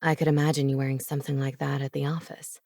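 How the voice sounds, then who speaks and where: A woman's voice: level tone, fast talker, dark tone, dry recording, studio quality. Woman doing a smug, teasing young guy.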